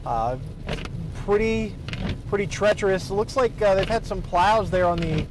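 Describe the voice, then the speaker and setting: A man giving a live road report from inside a moving car, speaking haltingly with many fillers while driving. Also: high voice, background noise. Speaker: field meteorologist reporting from car.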